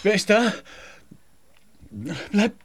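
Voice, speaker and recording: An actor playing a humble cobbler posing as an astrologer in a children's radio play, who talks hesitantly and mutters to himself. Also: male voice, sits high, level tone, extremely slow, very noisy.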